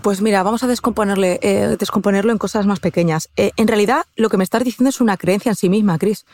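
A woman with a Spanish accent from Castilla-La Mancha, speaking as an interview guest. She explains at mid pitch, patient and methodical, with frequent hesitations and self-corrections. The recording is close and dry. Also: fast, a little mellow, no room sound. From Castilla-La Mancha, Spain. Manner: explanatory, frequent "eh" fillers and restarts, addresses host directly. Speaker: guest expert on habits. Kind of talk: conversational interview.

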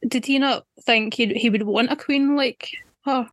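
A woman's voice: fairly high pitch, normal speed, no room sound. A woman co-hosting a podcast, asking curious, chatty questions. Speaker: podcast co-host. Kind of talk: casual podcast interview.

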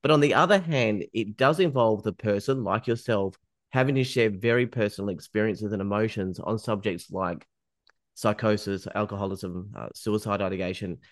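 A man with a low voice asks questions in a measured, reflective way, stumbling now and then on a word. He sounds like a podcast interviewer recorded close to the mic. The sound is dry. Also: dry recording. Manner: measured, reflective, with small restarts.

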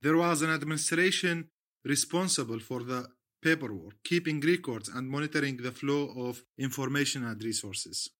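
A man from Iraq who gives measured testimony in a deliberate, emphatic way, speaking in short phrases. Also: mid-range voice, a bit bright. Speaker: interviewee, witness.

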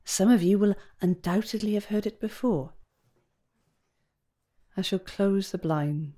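A woman voicing a calm female principal teacher who tells an old legend in a measured, gentle cadence. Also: medium pitch, lightly acted. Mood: kindly. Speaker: teacher figure in an audiobook. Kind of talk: audiobook character reading.

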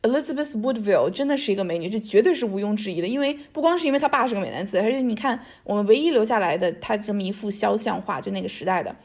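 A woman's voice: medium pitch, lively intonation, very fast, few pauses, a little mellow. A woman talking as a guest author, telling history in a casual, chatty, colloquial way and often checking that the listener follows. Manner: chatty, colloquial, often seeking agreement with tag questions. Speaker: author guest discussing their history book. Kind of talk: casual conversational storytelling.

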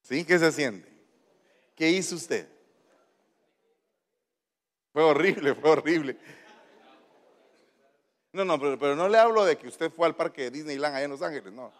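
A fairly high-voiced man, preaching and drawing answers from his listeners. He coaxes and teases people into telling their stories. His voice carries a long reverb from the hall. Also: animated, fairly quick. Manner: playful, teasing, coaxing questions. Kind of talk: interactive sermon with congregation.

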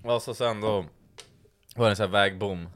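A young man in casual chat, telling an anecdote in a relaxed way with some swearing. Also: on the low side, slight background noise.

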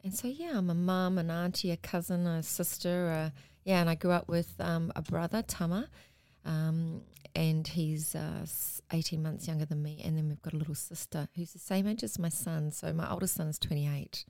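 A woman's voice: deep voice, fairly even intonation, moderate pace, a little mellow, no echo, clean studio sound. A woman in her forties with an Australian accent, a podcast guest chatting casually and laughing often. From New Zealand and Australia.

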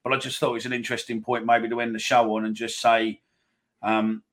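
A man's voice: medium pitch, little pitch movement, brisk, a bit bright. Blunt male podcast host. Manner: blunt, sweary. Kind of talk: casual podcast chat.

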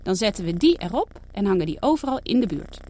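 A woman voicing a kind but firm mother in a read-aloud storybook, speaking calmly and warmly to her daughters. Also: medium pitch, fast. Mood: motherly.

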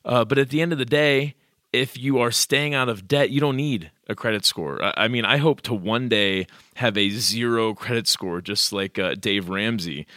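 A man's voice: medium pitch, normal speed, pushed and bright, dry recording, clean studio sound. A man co-hosting a podcast. He gives blunt, direct advice in a casual way, with frequent fillers. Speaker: podcast co-host.

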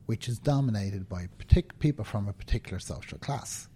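Brisk and animated, the voice is on the low side and warm, with a bit of background noise. It belongs to a Dublin-accented Irishman in his fifties, a banking professional guesting on a conversational interview indoors, sitting down, speaking with emphatic earnestness and frequent "right?" tags.

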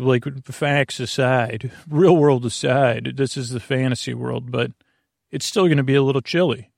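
A creaky-voiced man tells bedtime stories on a sleep podcast, mumbling through a monologue that is halting, meandering, and digressive. His mid-range voice is recorded at studio quality, with no room sound.

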